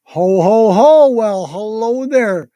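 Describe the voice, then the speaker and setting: A storyteller acts out a jolly old man from a Christmas storybook. He is hearty and kindly, speaks slowly and sounds avuncular, in a dry recording. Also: medium pitch, sing-song, a little mellow, no room sound.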